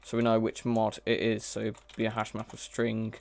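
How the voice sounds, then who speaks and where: A male mod developer livestreams his coding in a lowish, gravelly, darkish voice that stays monotone at a moderate pace. He thinks aloud casually, frequently hesitating and correcting himself, with a little hiss or hum in the background.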